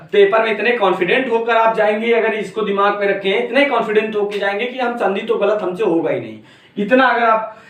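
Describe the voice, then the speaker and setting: Teaching an exam-prep grammar lesson, a man with a very high-pitched, fairly bright voice drills each point repeatedly and fondly calls his students "beta." The mic sits some distance away, so the recording sounds roomy and echoey.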